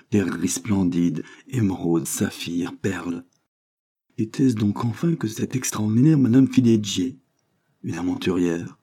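A man with a low, warm voice narrates a classic novel as an audiobook. His reading is measured and expressive. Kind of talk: scripted literary narration.

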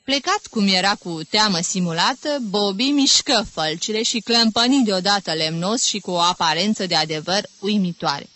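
A woman reading a literary novel aloud as an audiobook, in a lively, expressive storytelling manner. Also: mid-range voice. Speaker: audiobook reader.

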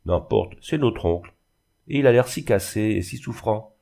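A man voicing a tender-hearted young woman in a reading of a classic novel, speaking gently and with feeling. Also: lowish voice, animated, moderate pace, gravelly. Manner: pleading, emotional.

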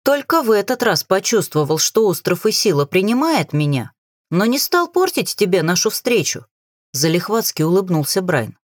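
A woman narrating a fantasy audiobook in first person, with expressive storytelling on a close mic. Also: mid-range voice, moderate pace, dry recording. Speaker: audiobook reader.

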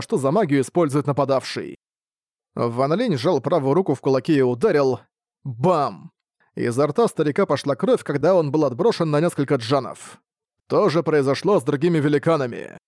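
A man narrating a fantasy audiobook in a steady, measured reading. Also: medium pitch, no echo, clean studio sound.

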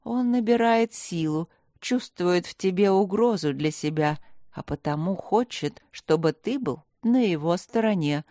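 A woman playing a calm, kindly old male elder wizard who talks in a melodic way. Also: on the low side, measured pace, no echo, studio quality.

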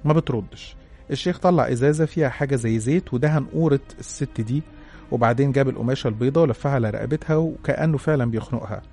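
A man's voice: mid-range voice, racing, vocal fry, mellow, soft background music. A man with an Egyptian accent narrating a listener's horror story in the first person. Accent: Egyptian Arabic.

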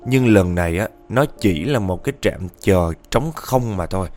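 A man's voice: low voice, lively intonation, moderate pace, a little mellow, soft background music. A man telling a ghost story in a casual, chatty way, often speaking straight to his listeners. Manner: chatty, addresses listeners directly.

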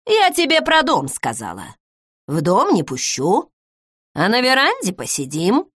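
A woman voicing a sharp-tongued, wary elderly village widow who talks bluntly and mockingly. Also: high voice, wildly swooping pitch, normal speed, no echo, studio quality, pitched above the performer's own voice, heavily acted. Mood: curt, mocking.

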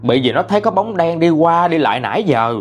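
A man with a Southern Vietnamese accent tells a ghost story in a chatty, colloquial manner. His voice sits at a middle pitch but rises and falls freely as he builds the tale. Faint music plays underneath. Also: expressive, quick pace.

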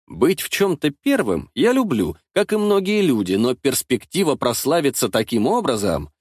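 A man's voice: medium pitch, normal speed, dry recording. A man narrating a historical adventure audiobook in the first person, telling it expressively on a close studio mic. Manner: expressive, lively storytelling.

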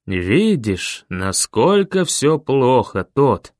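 A man voicing a calm, stern older leader who speaks in a measured, grave way. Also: medium pitch, dry recording, studio quality.

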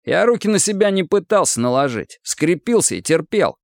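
A man playing a gruff bullying sergeant. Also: on the high side, sing-song, moderate pace, no room sound, clean studio sound, voice pushed up. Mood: menacing. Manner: threatening, slangy, gruff. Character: coarse bullying male army sergeant.

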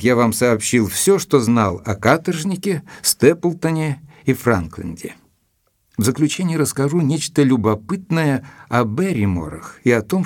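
In a scripted audio drama, an actor plays an observant, loyal gentleman reading a letter aloud that reports a mystery. He speaks at medium pitch in a measured, formal, deliberate and reflective manner. It's a studio recording without echo, with music underneath.

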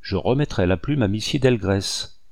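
A man playing a naive excitable young woman. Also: on the low side, moderate pace, creaky, dry recording, studio quality. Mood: eager.

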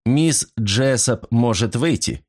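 A man performs a stern, emphatic detective in a very animated mid-range voice at a moderate pace, pitched above his own natural voice yet close to everyday speech.

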